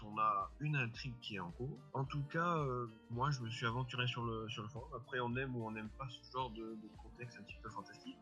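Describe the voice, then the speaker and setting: A man's voice: mid-range voice, fairly bright tone. A man co-hosting an amateur web radio show, presenting a review in a casual, hesitant way with many fillers and restarts. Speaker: co-host presenting a forum review. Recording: dull lo-fi sound with faint music.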